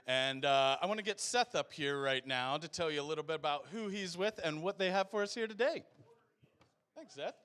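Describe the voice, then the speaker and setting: A man hosting a live event, upbeat and welcoming, introducing the next speaker with a few filler pauses. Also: on the high side, animated, a bit bright, clear, resonant tone. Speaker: event host.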